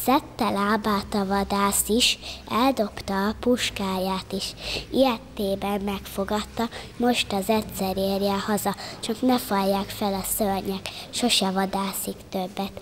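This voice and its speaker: A woman recites a rhymed children's tale in a steady, measured rhythm. Her voice sits in a middle pitch. Faint room noise hums beneath.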